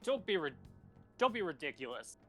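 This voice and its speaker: A man's voice: fairly high pitch, sing-song, moderate pace, pushed and bright, faint music behind. A man as a dry, weary cafe owner. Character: middle-aged male cafe owner, dry and guarded. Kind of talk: fan comedy dub.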